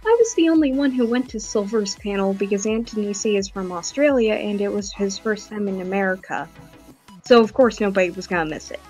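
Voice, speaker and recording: A woman with a medium-pitched, darkish voice and lively intonation talks briskly as a livestream host, with music in the background. Her casual chat is rambling storytelling, packed with fillers and some swearing.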